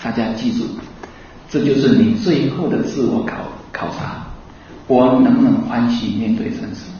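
A man's voice: mid-range voice, moderate pace, slight background noise. Man, Buddhist sermon, rhetorical questions, very echoey hall, distant dull recording. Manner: lively, rhetorical questions to the audience, laughing asides. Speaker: Buddhist teacher. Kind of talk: Buddhist dharma talk. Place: hall with an audience.

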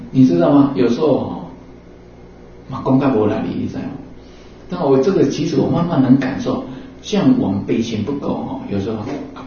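A man preaches Buddhist teaching in a casual, chatty way, dropping in fillers and little acted-out exchanges. His voice is soft and mellow. He sits away from a dull mic in a very echoey hall. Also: medium pitch, a little hiss or hum. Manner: conversational, acts out little dialogues, many fillers like 啊 and 哦. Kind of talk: sermon. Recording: roomy echo from a distant, dull mic.

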